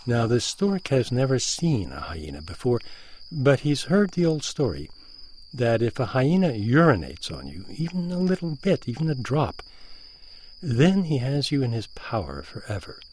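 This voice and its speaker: A man's voice: medium pitch, wildly swooping pitch, normal speed, darkish tone, a little hiss or hum. A man hosting a radio documentary, narrating in a dry, wry, conversational manner. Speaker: radio host.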